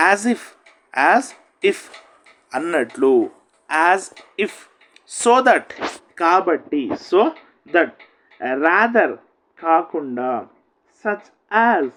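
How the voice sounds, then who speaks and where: Very slow, lively male teacher. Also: fairly high pitch, low-quality recording. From India. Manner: says each English phrase then its meaning, repeats it slowly. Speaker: English teacher. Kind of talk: spoken English drill lesson.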